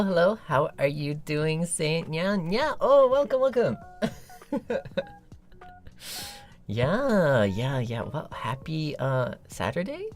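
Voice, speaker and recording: A man hosting a casual livestream, rambling playfully with a slightly rough morning voice. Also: a little high. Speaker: livestream host. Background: background music.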